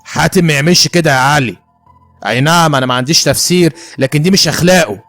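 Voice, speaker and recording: A man's voice: a little high, racing, fairly bright tone, dry recording, faint music behind. A man voicing a stern, principled young man with an Egyptian accent, who speaks firmly and seriously. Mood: calming. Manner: firm and serious.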